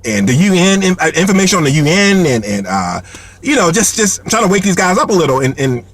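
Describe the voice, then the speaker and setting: Brief: man, high voice, animated comic storyteller, lots of fillers and restarts. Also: fast talker. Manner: heavy fillers and repeated words; animated, laughs between lines. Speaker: comedian telling a story.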